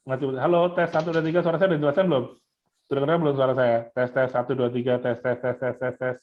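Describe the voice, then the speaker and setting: A man's voice: medium pitch, little pitch movement, racing. A man hosting an online meeting, his voice breaking up over a bad internet connection as he repeats mic checks. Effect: choppy breaking-up internet connection. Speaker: host presenting a website. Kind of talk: casual online meeting talk. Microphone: video call. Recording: dull lo-fi video call audio.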